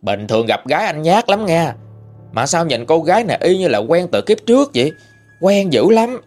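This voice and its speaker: Animated Southern Vietnamese male storyteller. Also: moderate pace, faint music behind. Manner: folksy, animated retelling with lively pitch swings. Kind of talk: ghost story narration.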